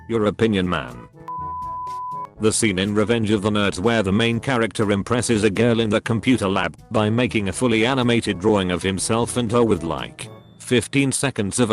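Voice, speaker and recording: A man narrating a series of online posts, reading them aloud in a steady, even delivery. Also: on the low side.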